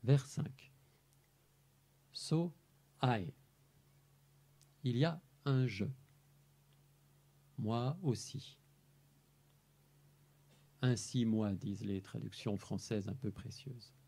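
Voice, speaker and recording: A man presenting his translation work in a measured, explanatory talk, pausing over single words. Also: fairly low pitch, creaky, mellow, breathy edge. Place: amphitheater.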